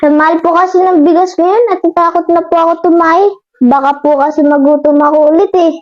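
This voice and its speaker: Man playing a high, quick little kid, timid and pleading. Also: fairly even intonation, lo-fi sound. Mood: scared. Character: scared little child.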